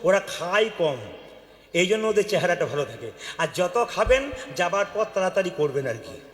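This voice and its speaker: Bengali guy preaching kirtan style, really high voice, keeps asking the crowd to answer out loud, big echo. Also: very animated, moderate pace. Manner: questions the crowd and calls for loud replies. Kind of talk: devotional sermon to a live audience. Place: hall with an audience. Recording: echoey hall with long reverb.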